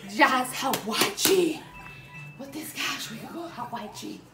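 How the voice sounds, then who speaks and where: A woman's voice: a little high, lively intonation, takes it slowly, over loud music. A woman playing a boastful salon stylist in a comedy sketch, with sassy, theatrical drag-queen manner and honey-this, girl-that talk. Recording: echoey room with faint background noise.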